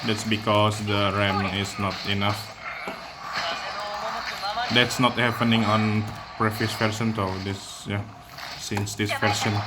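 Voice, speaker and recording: A man giving casual gameplay commentary from home, talking in a halting way with loose phrasing and many pauses. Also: on the low side. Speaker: gameplay video maker. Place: at home with a cat nearby. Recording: noisy background hiss.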